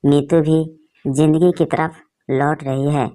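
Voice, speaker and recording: Give me a woman with a low voice reading an emotional story in a steady, feeling way. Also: a little slow. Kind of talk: scripted story narration.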